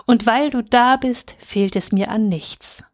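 A woman voicing a small frightened boy who is fearful yet trusting, speaking in a soft, earnest, pleading way. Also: a little high, takes it slowly. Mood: grateful.

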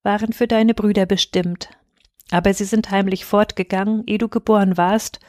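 A woman voices a sorrowful queen mother in a fairy tale reading, her mood sad. Her medium-pitched voice is darkish and fairly even at a moderate pace, close to an everyday voice. The studio recording is clean, with no room sound.

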